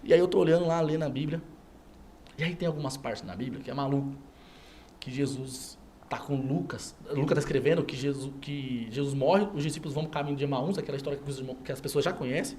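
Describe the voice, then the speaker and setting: Paulista man telling a lively testimony. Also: a little high, very fast, a little hiss or hum. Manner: storytelling that acts out every character's lines. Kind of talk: animated personal testimony. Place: TV studio.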